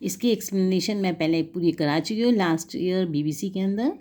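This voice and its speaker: Woman tutor, warm mellow tone, patient homework walkthrough. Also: lowish voice. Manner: explains in Hindi, reads English text slowly. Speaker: teacher.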